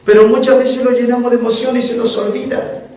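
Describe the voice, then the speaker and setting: A man preaching a sermon as pastor, moving between forceful preaching and soft, emotional storytelling. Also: very high-pitched, flat delivery, a little fast. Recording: echoey church sound from a distant mic.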